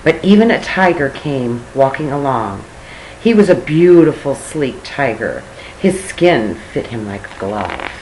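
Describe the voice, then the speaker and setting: A woman's voice: extremely low pitch, sing-song, measured pace, darkish tone, slight background noise, low-quality recording. An older woman, a grandmother, reading a picture book aloud to a child expressively, with chatty asides.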